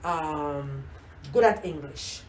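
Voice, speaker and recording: Speaking slowly in a low pitch, a Jamaican-accented grandmother reminisces warmly during a relaxed oral history interview. She repeats words and leans on "you know," and the echoey room carries slight background noise.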